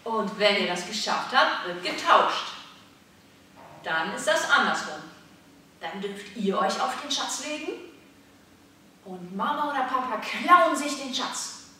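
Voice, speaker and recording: High-voiced woman coaching young kids. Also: measured pace, pauses often, distant mic. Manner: animated, asks questions and answers them, shouts examples. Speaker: martial arts instructor for young children. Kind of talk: children's online workout lesson. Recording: roomy echo, voice from the mic.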